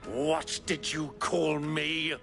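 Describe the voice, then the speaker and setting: A man's voice: a little high, steady tone, drawn-out words, fairly bright tone, soft background music, heavily acted. A man playing a hot-tempered, scornful older companion who blusters in a period fantasy game drama. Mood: outraged.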